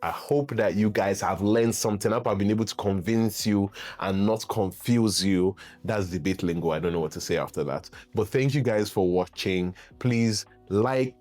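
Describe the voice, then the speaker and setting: Animated Nigerian man telling his story. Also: normal speed, few pauses, faint music behind. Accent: Nigerian English. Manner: animated, laughs often, acts out quotes with big pitch jumps. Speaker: actor sharing his story. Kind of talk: casual storytelling to camera.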